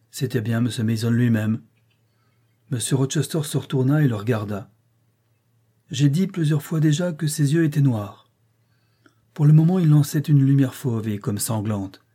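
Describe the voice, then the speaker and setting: A man narrating a classic novel as an audiobook in a measured, expressive way. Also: mid-range voice, husky.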